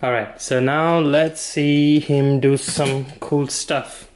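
A man giving a casual hands-on product demonstration, halting and informal as he thinks aloud. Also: a little high, steady tone, darkish tone. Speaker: product reviewer. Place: indoor room with wooden floor.

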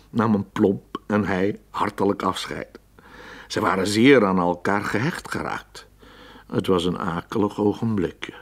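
A man narrating children's stories in a calm, gently amused way. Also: lowish voice, slightly rough. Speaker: storyteller. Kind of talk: storybook narration.

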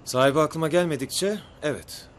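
A man's voice: a little high, fairly quick, slight background noise, natural voice. A young male actor playing a blunt, distrustful, sullen man in a TV drama. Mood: curt. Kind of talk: TV drama acting. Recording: music behind the dialogue.

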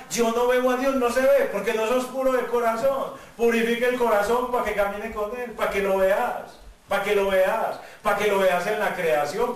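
A man's voice: high voice, fairly bright tone. A middle-aged Colombian man with a Paisa accent giving an emphatic spoken testimony, acting out dialogues in quoted voices. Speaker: speaker giving a conversion testimony. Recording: echoey, from far off the mic.

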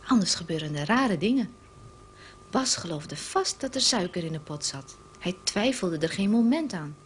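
A woman's voice: mid-range voice, a little hiss or hum. Female storyteller for children, earnest and plain, mid-range voice.

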